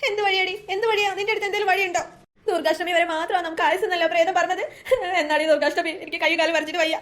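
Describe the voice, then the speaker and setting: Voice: extremely high pitch, fairly even intonation, racing, fairly bright tone. A performer voicing a young woman in a cartoon ghost story, scared and accusing her friend in an emotional rush. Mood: worried.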